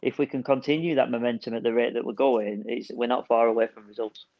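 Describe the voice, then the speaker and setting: A man's voice: medium pitch, steady tone, fast talker, dry recording. A man co-hosting a casual football chat over a video call. He gives his opinions point by point and keeps saying "for me.". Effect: heard over a video call. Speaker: podcast co-host. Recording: dull, dry lo-fi call audio.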